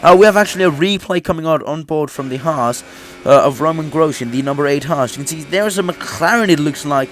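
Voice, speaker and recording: A young man talks briskly in a fairly high, slightly bright voice. This gaming YouTuber says he is sick and sounds a little off as he chats through his racing game career race, laughing frequently and restarting his sentences.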